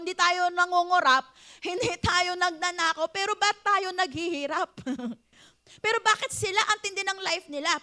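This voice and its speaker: A young woman preacher with a Filipino accent, giving a sermon in a mix of Tagalog and English, playful and quick to laugh as she calls out to her congregation. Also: very high-pitched. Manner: animated, playful, laughs often, asks the crowd "Hello?". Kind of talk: Taglish sermon.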